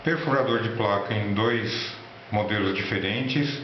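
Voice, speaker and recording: A Brazilian man with a lowish voice presents in an informal, instructional style, sometimes halting as he goes. The recording is quite echoey, with a faint layer of noise behind him. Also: muffled recording. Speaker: electronics hobby presenter. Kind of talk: informal tutorial narration and product showcase.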